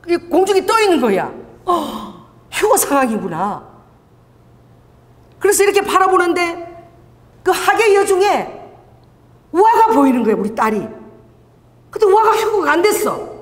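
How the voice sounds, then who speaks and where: A middle-aged woman pastor preaching a sermon, telling stories with lively delivery and acting out dialogue. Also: very high voice. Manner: animated storytelling, acting out dialogue. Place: church sanctuary. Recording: church hall reverb.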